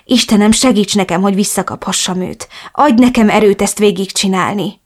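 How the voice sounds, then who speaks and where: Woman reading an audiobook expressively. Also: mid-range voice. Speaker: audiobook narrator. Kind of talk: first-person novel narration.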